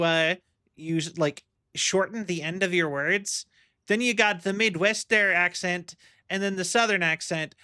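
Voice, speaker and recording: A man's voice: high-pitched, sharp tone, clean tone, no room sound, clean studio sound. A young man livestreaming a game, musing aloud in a rambling, casual way. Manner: rambling, musing, many fillers. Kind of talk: casual chat while gaming. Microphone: streaming mic.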